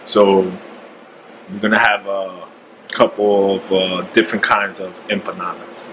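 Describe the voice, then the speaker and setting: A man's voice: deep voice, flat delivery, a little slow, a bit bright, slight background noise, low-quality recording. A man in his thirties filming himself at arm's length in a home kitchen, chatting jokingly while he cooks. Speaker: vlogger cooking at home. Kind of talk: casual cooking vlog. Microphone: handheld camera at arm's length.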